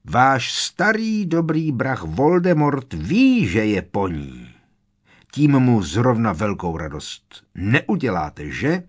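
A man voicing a defiant teenage boy wizard who shouts back at his foe. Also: mid-range voice, sing-song, voice pushed up.

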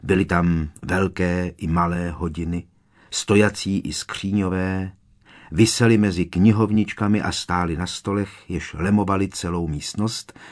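A man narrates a fantasy novel in measured, expressive audiobook style. His voice sits on the low side and carries each scene at a steady pace. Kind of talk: scripted narration.

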